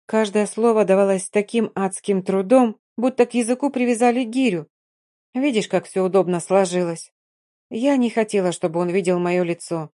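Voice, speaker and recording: A woman narrating a first-person audiobook in a calm, even reading voice. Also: medium pitch, fairly quick, few pauses.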